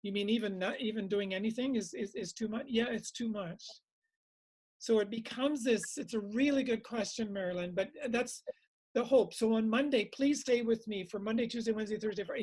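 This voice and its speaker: A man's voice: high voice, darkish tone, rough recording. A man teaching meditation informally, reflective and repeating phrases for emphasis.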